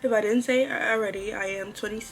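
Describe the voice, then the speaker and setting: This woman in her twenties has a mid-range, fairly even voice and talks fast, with a little hiss or hum in the audio. She's a vlogger chatting informally with her viewers, as if catching up with girlfriends.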